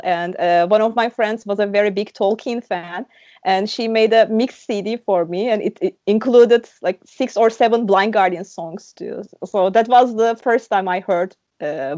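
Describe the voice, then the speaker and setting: A woman's voice: mid-range voice, a little mellow, no echo. Woman, reflective and hesitant. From Turkey. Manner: reflective, hesitant with many fillers. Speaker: guest. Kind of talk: casual chat. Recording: dull, dry lo-fi sound.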